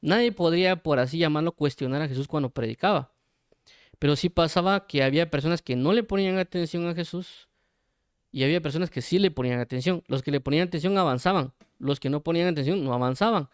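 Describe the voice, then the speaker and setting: A man's voice: fairly high pitch, fast, smooth, no room sound. Guy doing a casual bible commentary, dry close sound, chatty with lots of ums, plays out little back-and-forth dialogues. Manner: conversational, acts out imagined dialogues; hesitant, frequent fillers and restarts. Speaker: Bible teacher.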